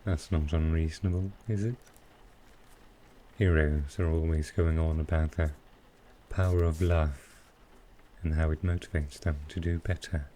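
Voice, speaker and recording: A man playing a smooth, flirtatious supervillain in an intimate ASMR roleplay, teasing and unhurried. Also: rumbling low, fairly even intonation, a little hiss or hum. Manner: teasing, unhurried, softly suggestive. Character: smooth, flirtatious male supervillain courting his tailor.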